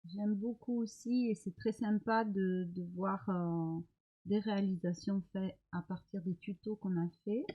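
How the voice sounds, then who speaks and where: Slow, hesitant middle-aged woman. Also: medium pitch, fairly even intonation, dull audio. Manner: hesitant, many pauses and fillers. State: recovering from illness. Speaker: crafting vlogger. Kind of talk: casual show-and-tell of mail.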